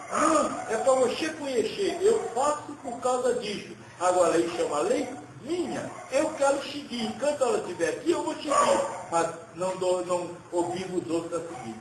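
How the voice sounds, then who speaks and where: Homem agudo, fala espiritual pausada. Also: male voice, high voice, echoey room, slight background noise, poor audio. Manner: slow, hesitant, repeats words. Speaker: spirit medium giving a message. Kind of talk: channeled spiritual teaching.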